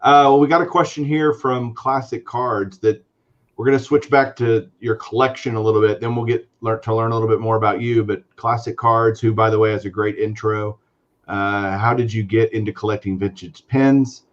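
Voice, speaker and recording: A man with a low voice co-hosting a casual collectors' chat. He sounds relaxed as he passes along viewer questions. His audio comes through dull and muffled. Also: normal speed. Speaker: co-host.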